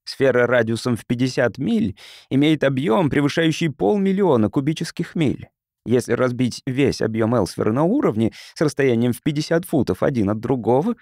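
Reading a science fiction audiobook, a man voices a proud, guarded male councillor who explains things formally. His darkish-toned delivery swings widely in pitch and sounds proud and emphatic. The recording is dry, with no echo.

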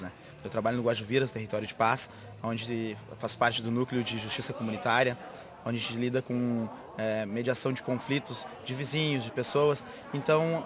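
A young man, a municipal guard answering an interview spontaneously into a handheld microphone outdoors. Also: medium pitch. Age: young adult. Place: outdoors in a covered school courtyard. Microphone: handheld reporter microphone. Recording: music laid under outdoor interview.

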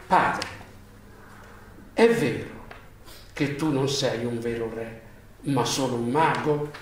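A man voicing an earnest, indignant young prince in a storybook read aloud, his voice lifted high and exclaiming. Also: slow, slight background noise, natural voice. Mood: probing. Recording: echoey room, voice far from mic.

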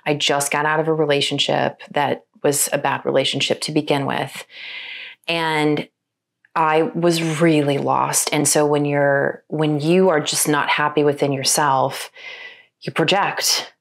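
A woman's voice: deep voice, level tone, a little slow, gravelly. A woman guest on a podcast, a matchmaker, telling her own story in an earnest, reflective, flowing way. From Arizona, US. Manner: earnest, reflective, speaks in long flowing runs. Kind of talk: candid conversational storytelling. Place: podcast studio.

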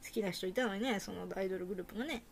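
Rough-talking woman streamer. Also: mid-range voice, racing, slight background noise. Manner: rough, self-mocking, repeats herself. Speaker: game streamer. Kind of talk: casual live-stream commentary.

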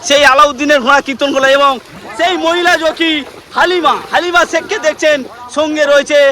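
A man's voice: very high voice, fairly even intonation, brisk. A man calling a horse race as a commentator, in urgent, repeated short phrases. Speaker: race caller and live video commentator. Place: outdoors at a flooded village racecourse. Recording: outdoor recording amid loud crowd noise.

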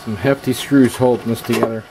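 This male repair vlogger, an electronics hobbyist hosting a video, speaks in a gravelly mid-range voice with fairly even intonation. Casual and halting, he thinks aloud through hands-on repair commentary at a workbench in a small indoor workshop. The handheld camera's built-in microphone records noisy sound.

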